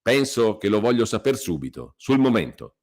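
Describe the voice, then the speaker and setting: A hot-headed young villager, loud and forceful, pressing his demands with a threatening edge, as a man acts him out. He speaks a bit higher and louder than the deep-voiced reader's own narration, in a storybook reading. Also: very animated, moderate pace. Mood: demanding. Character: angry, determined young male villager.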